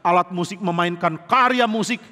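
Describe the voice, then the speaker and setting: A male pastor preaching a sermon in a church sanctuary, telling the story in a lively, animated way. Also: sits high, moderate pace. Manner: animated storytelling, mimics music with sung syllables. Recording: long reverb of a large church hall.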